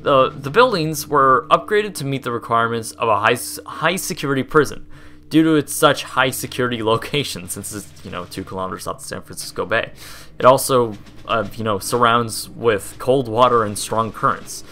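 A man's voice: medium pitch, expressive, normal speed, pushed and bright. A young man hosting a casual history video, chatty and rambling, laughing and tripping over words. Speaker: host.

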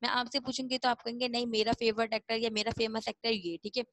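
A woman teacher explaining a lesson to schoolchildren, drawing words out slowly and repeating them in a patient, coaxing way. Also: a little high, little pitch movement, a bit bright, dry recording, poor audio. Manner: slow, repetitive, coaxing explanations. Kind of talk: classroom lesson.

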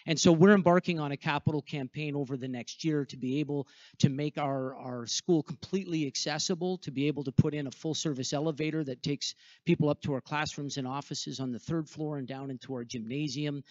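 A man's voice: on the high side, steady tone, a little fast, hardly any pauses, a little mellow, no echo. Middle-aged male school rep, sincere and thankful, handheld mic, muffled dry audio. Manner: earnest, grateful. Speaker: school representative. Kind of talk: fundraising appeal to a congregation. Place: church sanctuary in front of a choir. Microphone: handheld microphone. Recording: dull, dry sound.

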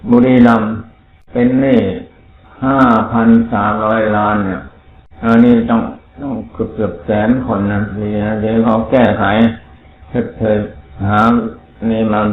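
A man's voice: fairly low pitch, gravelly. A man preaching a sermon as a monk, in a rambling, conversational way. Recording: phone-like, roomy, faint noise.

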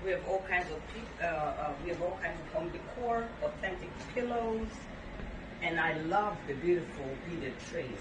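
A middle-aged woman from Tanzania, a gallery owner giving a guided tour of her shop with a friendly sales pitch. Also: expressive, normal speed. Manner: warm sales pitch, showing items. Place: indoor gallery in a home. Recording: roomy and distant with background noise.

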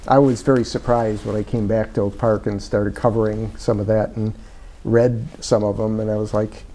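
A man's voice: on the low side, little pitch movement, moderate pace, dark tone. An older man talking as an author being interviewed, reflective and meandering with many fillers, on a lapel mic in a small parlor-style room. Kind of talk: casual conversation.

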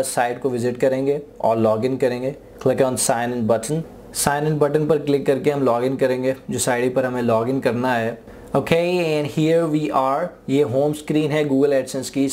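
A man's voice: medium pitch, a little mellow, a little hiss or hum. A young man from Pakistan with a Pakistani English accent, walking viewers through a screen tutorial and explaining each step twice. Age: young adult. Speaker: tutorial presenter. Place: small room indoors.

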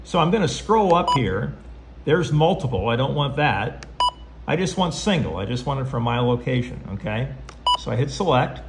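In a noisy home recording with clicks, a man with a mid-range, very animated voice speaks at normal speed indoors beside a tabletop radio. Presenting a how-to video, he gives a casual, folksy walkthrough, talking himself through each step.

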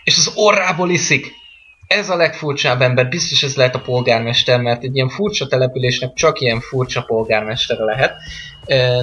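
A man's voice: mid-range voice, fairly bright tone, dull audio, slight background noise. A man giving casual, rambling let's-play commentary on a game, joking and chatting with the game's characters. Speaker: gameplay commentator.

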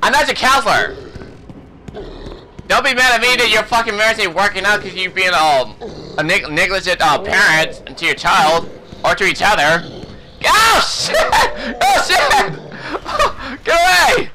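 A man commenting on his own gameplay, swearing a lot and yelping and shouting whenever he panics. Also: sits high, normal speed, background noise. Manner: excitable, profane, yelps and shouts in panic. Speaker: let's play host.

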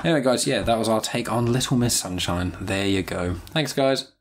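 A young British podcast host with a fairly low voice speaks at normal speed. He chats casually about films in a rambling film-review conversation, his thoughts often trailing off midway.

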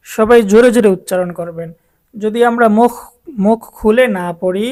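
A woman's voice: mid-range voice, warm tone. A woman teaching Arabic letters to adult learners as a Quran teacher, drawing out each letter name and repeating it for the class to echo. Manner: drawn-out, repeated letter names for students to echo.

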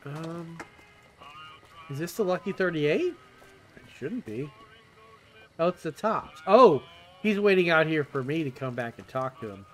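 A man's voice: fairly high pitch, lively intonation, unhurried, pauses often, a bit bright, soft background music. A man hosting a gameplay video, casually thinking aloud as he plays. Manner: thinks aloud, echoes game dialogue. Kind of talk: casual game commentary.

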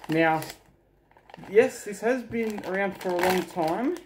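A man's voice: high-pitched, expressive, slow. A man in his thirties with an Australian accent, casually hosting a snack review at a kitchen table. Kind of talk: casual chat, product review. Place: small domestic kitchen, indoors. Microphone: camera mic at table distance. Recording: noisy room, bag crinkling.

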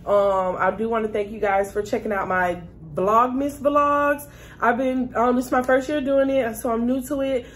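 A woman vlogger chats casually with viewers while eating a meal, laid-back and talkative in a mukbang style. Her voice is a little high with fairly even intonation and a moderate pace, with a slight hiss or hum.

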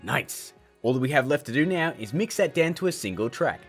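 Very animated and brisk, a medium-pitched man in his thirties runs a casual scripted tutorial against faint background music, hamming it up with jokey, emphatic theatrics.

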